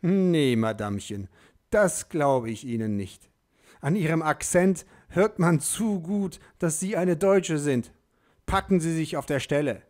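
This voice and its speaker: A man voicing a gruff elderly male gatekeeper saint who barks orders loudly, with a lilt. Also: on the high side, expressive, takes it slowly, pitched above the performer's own voice. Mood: brusque. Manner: loud, barking orders.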